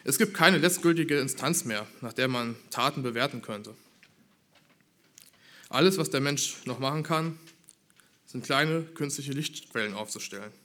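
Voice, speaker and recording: Preaching to his congregation, this man uses rhetorical questions to build each point. His delivery is earnest and measured, pitched in the ordinary middle range, and his tone is sharp.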